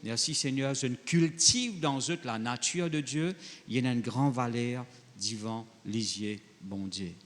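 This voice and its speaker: A man's voice: mid-range voice, unhurried. Man preaching in a reverberant hall. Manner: conversational preaching, mixing French with Creole phrasing; reads Bible verses then addresses the congregation directly. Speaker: pastor. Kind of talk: sermon.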